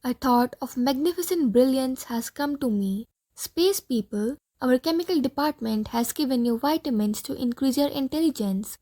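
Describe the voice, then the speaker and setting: A woman's voice: high-pitched, expressive, normal speed, hardly any pauses, warm tone. A woman reading the part of a pompous, bossy male Martian leader in an audiobook play, with a commanding, easily alarmed manner.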